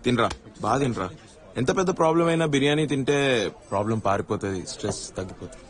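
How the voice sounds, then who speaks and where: A man's voice: medium pitch, expressive, quick pace, lightly acted. A man in a film scene, easygoing and consoling toward a friend. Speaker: friend of the groom. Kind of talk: film dialogue.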